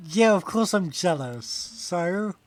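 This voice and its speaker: This streamer has a high-pitched, expressive voice, speaking slowly, and the audio has no echo. He chats casually while gaming, rambling, often laughing and reading chat aloud.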